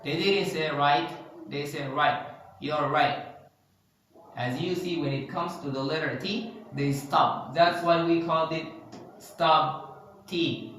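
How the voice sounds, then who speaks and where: Bright-voiced man teaching in an echoey room. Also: fairly high pitch, steady tone. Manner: slow, deliberate demonstrations of word sounds. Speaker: English pronunciation teacher. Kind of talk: online language lesson. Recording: echoey room with faint background noise.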